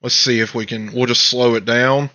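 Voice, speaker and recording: A man's voice: mid-range voice, steady tone, normal speed, bright, forceful tone. A man hosting a political talk show, ranting emphatically in casual commentary with frequent restarts. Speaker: podcast host.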